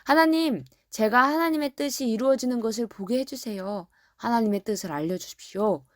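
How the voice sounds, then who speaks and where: A woman's voice: medium pitch, moderate pace, dry recording, clean studio sound, lightly acted. A woman voicing a devout elderly man who prays earnestly and rejoices, told within a children's Bible story. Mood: pleading prayer.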